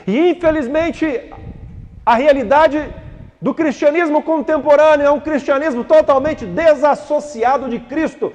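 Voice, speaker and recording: A man's voice: extremely high pitch, measured pace, a little mellow, long reverb tail, muffled recording. A man preaching a sermon, acting out prayers and dialogues and rising to fervent pleading. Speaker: pastor.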